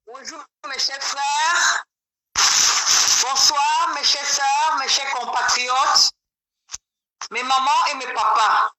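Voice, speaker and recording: A woman's voice: high voice, steady tone, extremely slow, pauses often, pushed and bright. A woman caller heard over a speakerphone, giving an emphatic, rousing political address straight to the audience. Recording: roomy speakerphone call with crowd noise.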